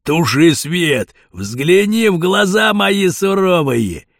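A man voicing a sly, heavyset male petty crook who talks in a slow, drawn-out, conspiratorial way, with a husky voice. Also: high-pitched, big pitch swings, no room sound, clean studio sound, pitched above the performer's own voice, heavily acted.

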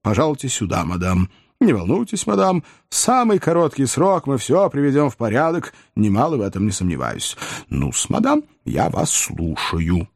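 A man's voice: mid-range voice, wildly swooping pitch, normal speed, creaky, no echo, clean studio sound, pitched above the performer's own voice, full character voice. A man doing an unctuous young apothecary. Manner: unctuous, professional. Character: smooth, self-serving young apothecary.

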